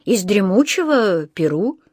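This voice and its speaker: A woman voicing a polite, earnest young male bear in a storybook reading, in an unhurried, sincere manner. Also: mid-range voice, very animated, darkish tone, no echo, studio quality.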